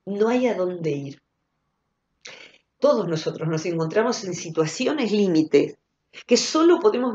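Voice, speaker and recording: A woman with an Argentine accent giving a reflective spoken talk, thoughtful and intimate, sometimes dropping to soft murmurs. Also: lowish voice, reverberant. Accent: Argentine Spanish. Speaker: speaker giving a recorded talk, former psychotherapist. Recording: dull lo-fi audio.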